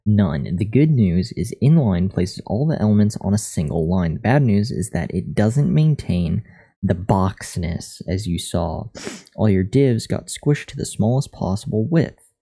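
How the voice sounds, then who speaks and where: Deep gravelly male streamer. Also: expressive, unhurried, mellow. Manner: reads lesson text aloud with joking asides. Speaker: streamer learning to code. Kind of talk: casual live-stream commentary.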